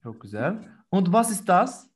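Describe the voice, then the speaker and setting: A patient male teacher leads a remote German lesson over a video call. He calls out words one by one and praises the answers he gets back. His pitch rises and falls freely as he talks. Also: sing-song, a little slow, breathy edge.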